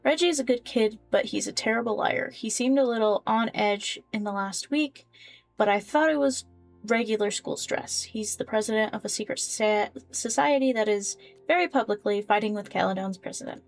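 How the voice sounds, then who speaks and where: A woman playing a story game, reading the dialogue and journal entries aloud in an expressive, casual way. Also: a little high, moderate pace, faint music behind. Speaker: game player voicing characters.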